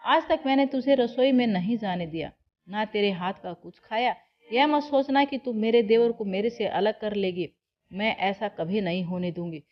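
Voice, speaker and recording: A woman's voice: medium pitch, moderate pace, lo-fi sound, close to an everyday voice. A woman voicing a spiteful, scheming elder sister-in-law who talks with scorn and threats in a read-aloud family story. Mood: scornful.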